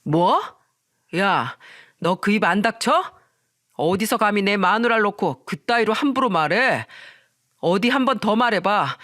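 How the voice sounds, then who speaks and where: A woman's voice: medium pitch, lively intonation, a little slow. A woman voicing a drunk husband who angrily threatens his friend. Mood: furious. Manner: shouting threats. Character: drunk husband, furious and protective.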